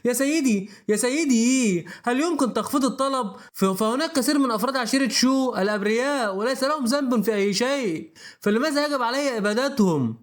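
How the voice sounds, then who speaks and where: A man's voice: very high-pitched, animated, quick pace. A man voicing a frightened old male clan ancestor who stammers as he pleads, then turns brutal. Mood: anxious pleading. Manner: anxious and stammering.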